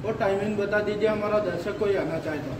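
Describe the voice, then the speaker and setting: High-voiced young man, echoey and distant. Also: fast talker. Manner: upbeat, interviews staff and customers. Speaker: food vlogger. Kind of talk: casual restaurant review vlog. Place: restaurant with rooftop seating. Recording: echoey, distant phone audio with clear noise.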